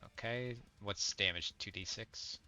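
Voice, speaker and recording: A man's voice: lowish voice, unhurried, pushed and bright, soft background music. A man playing a tabletop game, counting out his dice rolls methodically. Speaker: player. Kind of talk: casual tabletop game play.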